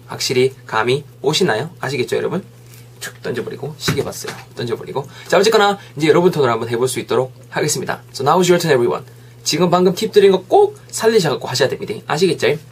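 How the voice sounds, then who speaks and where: A man teaching English phrases in a lively way, saying each sentence slowly for learners to repeat. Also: mid-range voice, a little hiss or hum. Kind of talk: English lesson.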